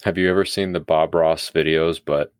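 A man with a very low voice co-hosting a podcast, telling stories in a blunt, profane way. His voice is recorded close and dry. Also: steady tone, moderate pace, smooth, no echo. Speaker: podcast co-host. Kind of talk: casual chat.

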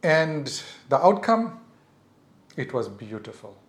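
A middle-aged podcast host with a South African English accent earnestly advises parents in a reflective monologue. His medium-pitched voice is very animated yet slow, and the recording is reverberant.

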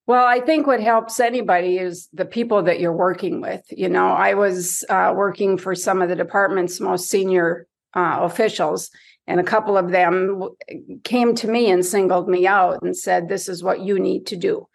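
A woman with a lowish voice and plenty of vocal fry, speaking as an interview guest. She reflects candidly and plainly, in a conversational, self-effacing way. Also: steady tone, moderate pace. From Michigan's Upper Peninsula, United States. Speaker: interview guest, retired or career diplomat.

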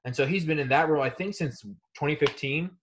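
A young college wrestler from Kansas City talks fast in a slightly high voice, with a little hiss or hum in the recording. The interview is casual, and he rambles easily through many fillers and restarts.

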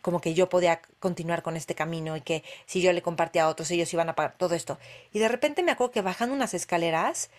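A woman casually sharing personal stories about meditation retreats, expressive, with sudden exclamations and sound-effect words. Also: lowish voice, fast. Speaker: meditation practitioner.

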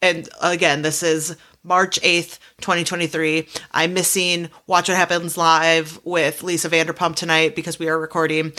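A woman's voice: low voice, level tone, normal speed, hardly any pauses, sharp tone. A young adult woman co-hosting a podcast in casual chat, talkative, swearing freely and laughing often. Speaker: podcast co-host.

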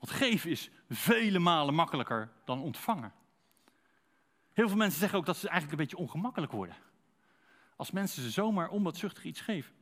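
Male preacher, slightly high voice, chatty sermon style, speaks straight to the congregation with rhetorical questions. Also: very animated, fairly quick, fairly bright tone. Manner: conversational, addresses congregation directly with rhetorical questions.

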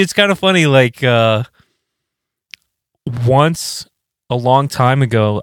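A man chatting casually on a podcast, laughing often and telling stories with animated jumps up in pitch. His normal speaking voice is middle-pitched. The recording is close and dry. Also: clean tone, no room sound. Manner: laughing, animated storytelling with jumps to high pitch when quoting. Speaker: podcast co-host; band musician. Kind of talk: casual chat.

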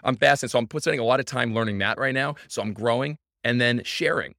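A man's voice: mid-range voice, quick pace, bright, forceful tone, no room sound, studio quality. A man being interviewed as a baseball team owner, telling his story with enthusiasm and emphasis. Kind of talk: energetic interview talk.

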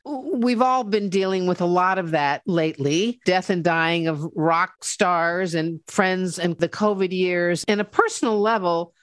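A woman's voice: on the low side, a little slow, few pauses, no room sound. Frank older woman podcast host. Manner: frank, laughs easily. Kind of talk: casual chat.

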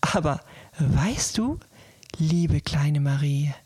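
Kind old Moon for a bedtime story, put on by a woman: soft, half-whispered, slow and tender. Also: low-pitched, animated, breathy edge, no room sound, exaggerated voice. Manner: tender, slow, warm-hearted. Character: kind, loving old Moon with a friendly face.

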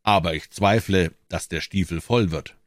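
A man's voice: low voice, normal speed, dry recording, clean studio sound, close to an everyday voice. A man voicing a bold, cheeky young soldier who talks back with mockery. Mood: defiant. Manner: defiant, mocking.

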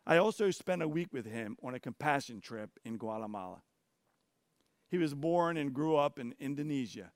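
Pastor, sermon voice, measured, dry close sound. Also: male voice, medium pitch, animated, no echo. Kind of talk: sermon and interview.

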